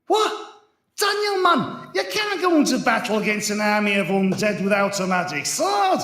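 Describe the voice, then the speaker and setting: An actor playing a boisterous, boastful veteran warrior hero in a video game. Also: male voice, sits high, big pitch swings, normal speed, a bit bright, a little hiss or hum, exaggerated voice. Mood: hearty. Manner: hearty, boastful, scoffing. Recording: roomy game cutscene audio.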